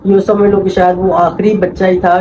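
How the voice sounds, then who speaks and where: A woman's voice: on the low side, flat delivery, normal speed, noisy background. A middle-aged woman with a Pakistani accent, telling a family story in an interview, emphatic and repeating herself. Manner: emphatic, repeats herself, acts out quoted voices.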